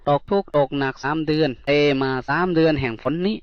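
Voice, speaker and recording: A man's voice: on the high side, brisk, dry recording, highs cut off. A middle-aged Buddhist monk from Northeast Thailand with an Isan accent, giving a folksy dharma sermon and repeating key words as he tells stories. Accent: Isan Thai.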